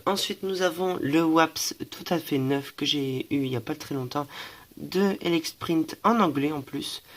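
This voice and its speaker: A young man from France showing his collection in a casual show-and-tell, hesitant, with many fillers and self-corrections, and stuffy from allergies. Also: medium pitch. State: stuffy, coughing.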